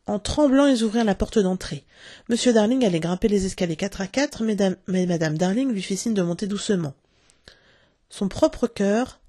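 A woman reading a storybook aloud in an expressive, acted-out way. Her voice is husky, dark and gravelly, and it sounds dry and close with no room echo. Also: mid-range voice. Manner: expressive storytelling, acting out the characters. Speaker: narrator.

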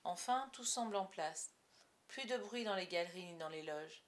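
A woman narrating a story in the first person, with a soft, hushed telling. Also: on the low side, lively intonation, moderate pace. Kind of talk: storybook reading.

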